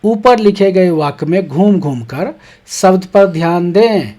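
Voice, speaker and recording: A medium-pitched, animated teacher with a dark tone explains textbook exercises to young schoolchildren, keeping the pace deliberately slow and easy. Each question is read first, then worked through step by step, with "ठीक है" check-ins throughout.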